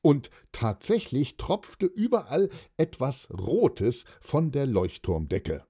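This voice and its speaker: A man's voice: medium pitch, wildly swooping pitch, takes it slowly, dark tone, breathy edge. A man narrating a children's audio story with dramatic delivery. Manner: dramatic narration with many voiced characters.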